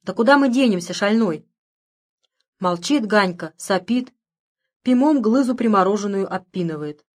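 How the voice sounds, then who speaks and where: A woman reading a story aloud as a first-person narrator, in lively, folksy, conversational rural speech. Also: medium pitch, normal speed, long pauses. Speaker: audiobook reader.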